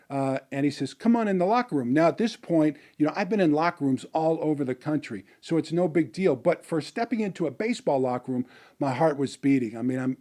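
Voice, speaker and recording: A middle-aged man with a warm, relaxed voice tells a personal story as a motivational business speaker. He pitches in the middle for a man and rambles, with many fillers and restarts.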